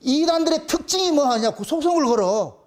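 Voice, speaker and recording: Brief: middle-aged pastor, high-pitched voice, insistent preaching that hammers points twice. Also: male voice, lively intonation, a little mellow. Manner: emphatic, repeating phrases with rising insistence; briefly sings a slow hymn line. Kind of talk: sermon.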